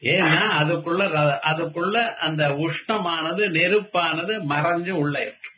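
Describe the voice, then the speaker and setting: A man teaching Vedanta in a spiritual discourse, chanting verses slowly and then explaining them with rhetorical questions. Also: on the high side, fairly even intonation, a little hiss or hum. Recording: dull lo-fi recording.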